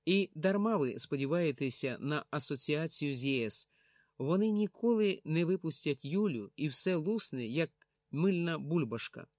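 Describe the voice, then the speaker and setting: A man's voice: fairly high pitch, expressive, normal speed, dry recording, clean studio sound, close to an everyday voice. Give me a man playing a gloomy, grumbling old man who lectures sarcastically.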